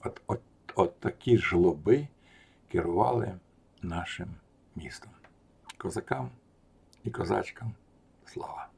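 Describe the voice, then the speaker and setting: A man telling a personal anecdote in a casual, animated way, mocking its subject and rising loud at the punchlines. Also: low-pitched, measured pace, gravelly, long pauses, breathy edge. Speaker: storyteller recounting a personal anecdote. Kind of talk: casual spoken storytelling.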